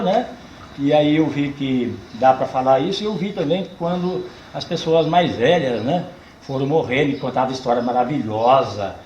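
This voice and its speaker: A man's voice: medium pitch, roomy sound, dull audio, slight background noise. Folksy older caipira storyteller man. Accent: caipira, São Paulo countryside. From Brazil. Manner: folksy, animated, drawls words for emphasis. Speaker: storyteller and cordel poet. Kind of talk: casual talk to a tour group.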